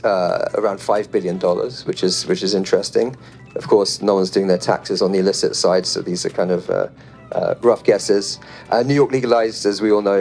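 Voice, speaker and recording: A man moderating a panel in front of a live audience, chatty and relaxed, reading statistics off his phone with light jokes. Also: lowish voice.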